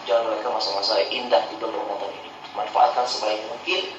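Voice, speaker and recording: A man's voice: flat delivery, fast talker, echoey room, distant mic, dull audio, noisy background. A man preaching a pre-dawn sermon in a mosque. He asks the listeners questions and then answers them himself. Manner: acts out tempted or grieving people in a low murmur.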